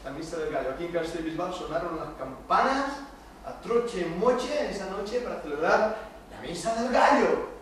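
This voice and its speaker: A middle-aged man from Spain with a high voice gives an emphatic Bible lesson, firing rhetorical questions at his listeners. He is picked up from a distance in a very echoey church hall. A faint hiss sits underneath. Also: expressive, moderate pace, a bit bright. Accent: Spain Spanish. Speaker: church youth teacher. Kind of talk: Bible study lecture to youth. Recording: echoey room, distant mic, faint noise.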